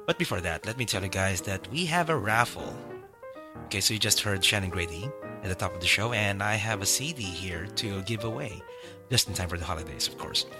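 A man's voice: on the low side, lively intonation, fairly quick, over music. A man hosting a podcast, chatting casually and rambling with many fillers and restarts. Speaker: podcast host.

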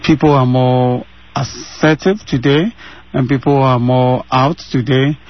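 A Ghanaian man in his thirties, speaking with a Ghanaian accent, answers interview questions earnestly over a remote line from home, repeating phrases for emphasis. His mid-range voice is steady and a little slow, and the audio is dull with no echo.

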